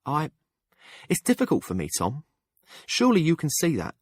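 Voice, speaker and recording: A man's voice: fairly high pitch, huge pitch swings, moderate pace, breathy edge, no room sound, clean studio sound, pitched above the performer's own voice, heavily acted. A man voicing a blunt, shrewd middle-aged townswoman who reads palms, speaking frankly in an audiobook. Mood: strained. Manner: frank and sharp-tongued. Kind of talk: audiobook character voice.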